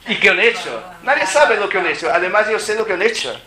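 A man giving a live spiritual talk to an audience, animated and joking, with lots of rhetorical questions. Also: sits high, quick pace, a crowd in the background. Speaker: spiritual speaker. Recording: roomy hall with ambient noise.

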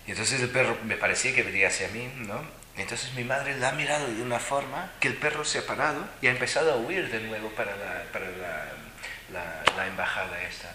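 A man telling personal stories to an audience in an animated, emphatic way, often repeating words for stress. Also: medium pitch, brisk, reverberant, background noise.

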